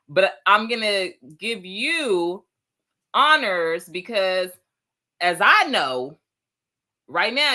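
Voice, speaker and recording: A woman hosting a casual talk show, chatting in a slangy, animated way and reading out listener comments. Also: mid-range voice. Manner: animated, slangy, acts out quoted friends. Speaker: host.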